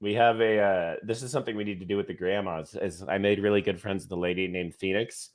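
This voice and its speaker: A fairly low-voiced man in loose livestream banter, pumped up and cursing freely. He laughs easily and talks through a computer mic on a call. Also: fairly even intonation, fast talker. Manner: hyped, swears often, laughs easily. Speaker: livestream co-host. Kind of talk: casual chat.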